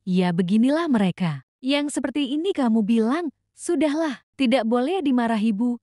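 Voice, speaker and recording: A woman's voice: on the high side, animated, normal speed, dark tone, no room sound, studio quality, lightly acted. A woman voicing a stern but loving middle-aged man who scolds his younger brothers. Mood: defensive. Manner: scolding, gruff.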